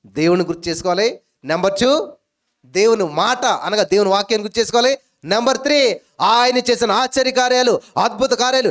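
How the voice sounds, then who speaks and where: A man's voice: very high voice, clear, resonant tone. A male pastor, preaching emphatically, with rhetorical questions and repeated calls of hallelujah. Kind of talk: sermon. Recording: faint music behind.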